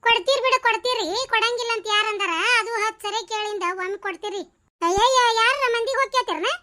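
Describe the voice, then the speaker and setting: A woman's voice: very high-pitched, fast talker, sharp tone. A woman voicing a cheeky, sarcastic young village daughter-in-law in a cartoon comedy, with a North Karnataka Kannada accent. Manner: argumentative, sarcastic back-talk.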